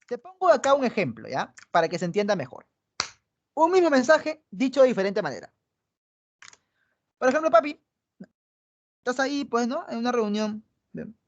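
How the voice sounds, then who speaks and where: This online pre-university psychology teacher, a woman with a Peruvian Spanish accent, explains each step and checks in with students after nearly every point. She sounds very animated with a fairly high pitch and moderate pace, leaving long pauses; the recording is dull and lo-fi.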